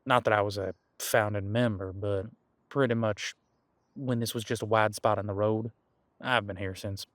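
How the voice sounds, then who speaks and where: The voice is fairly low and a bit bright, with fairly even intonation at normal speed, close to the man's everyday way of speaking and free of room sound. He portrays an easygoing demon detective thousands of years old who lives on the coast, musing in a relaxed, folksy tone in a one-sided audio roleplay.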